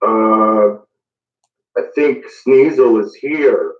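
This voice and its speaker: A man's voice: on the low side, very slow, far from the mic. A man with a British accent chatting casually in a group online call. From Britain. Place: remote online voice chat. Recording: roomy, muffled online call audio.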